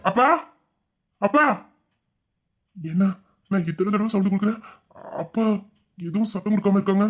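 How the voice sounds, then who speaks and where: A man's voice: high voice, normal speed, soft background music. A man playing a devoted young adult son who speaks earnestly and emotionally to his father. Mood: worried. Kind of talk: audio drama acting.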